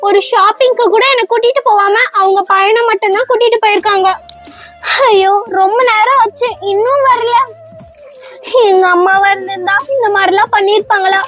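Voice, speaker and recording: Woman doing sad little girl, very high squeaky voice, whiny, soft music behind. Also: steady tone, moderate pace. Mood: tearful. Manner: plaintive, whiny pleading. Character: neglected, tearful young girl. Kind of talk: comedy skit acting.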